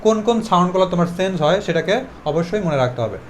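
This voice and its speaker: A man's voice: sits high, animated, very fast, a little hiss or hum. A man teaching an online English pronunciation lesson, drilling words aloud and asking and answering his own questions.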